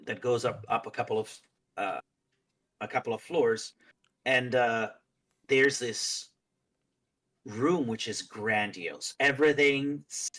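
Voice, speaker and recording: A man narrating as game master of a tabletop game, in a halting way with fillers. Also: mid-range voice, a bit bright. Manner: halting, many fillers and restarts.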